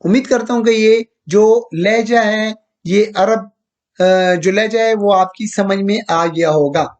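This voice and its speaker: A male teacher giving a recorded slide lecture, who repeats each point, slowly draws out quoted verses and asks listeners whether they have understood. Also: sits high, highs cut off. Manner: checks understanding with questions to listeners. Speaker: grammar teacher.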